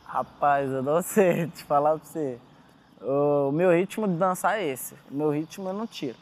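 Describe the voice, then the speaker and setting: A young Brazilian man who dances on party trains, talking in a relaxed, chatty interview and laughing easily. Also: fairly high pitch, normal speed. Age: young adult. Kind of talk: casual interview.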